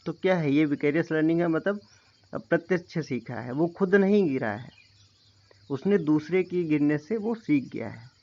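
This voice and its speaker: A man's voice: a little high, lively intonation, moderate pace. A man teaching an explanatory lecture, who often stops to check that his listeners are following. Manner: repeats "theek hai" to check understanding. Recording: dull lo-fi recording.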